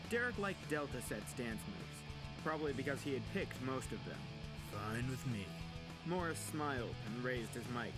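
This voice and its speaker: A man narrates a dramatic story as a scripted audiobook, his voice fairly high in pitch. Guitar music plays under the narration, and the recording quality is rough.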